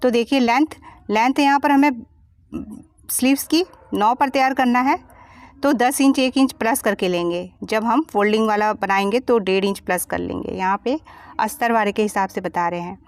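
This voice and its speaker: A woman's voice: fairly high pitch, moderate pace, no echo, clean studio sound. A woman giving a step-by-step sewing tutorial as a voice-over, patiently explaining each measurement and cut. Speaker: sewing teacher.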